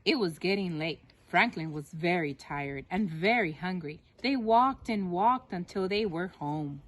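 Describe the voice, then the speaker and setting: A woman narrating a children's story aloud as a storyteller for young listeners, with expressive, emphatic phrasing. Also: fairly low pitch, a little slow.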